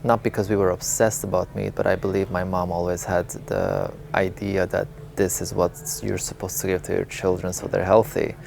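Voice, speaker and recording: Man, 30s, from Lebanon; low gravelly voice; relaxed, candid interview storytelling. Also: normal speed, hardly any pauses, soft background music. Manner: candid, reflective, with small laughs and fillers. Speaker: interviewee, vegan advocate.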